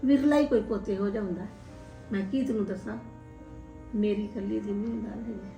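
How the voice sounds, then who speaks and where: A woman's voice: medium pitch, fairly even intonation, a little fast, gravelly, muffled recording, lightly acted. A woman playing an elderly mother in a family drama, lamenting sorrowfully that her sons have neglected her. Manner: lamenting, sorrowful, breaks into tears. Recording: echoey room, mic far off, music behind.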